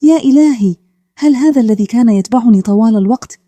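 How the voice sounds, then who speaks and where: A man's voice: very high-pitched, fast talker, dark tone, no room sound. A woman voicing a wary, startled village man who exclaims in an anxious way while reading a bedtime story.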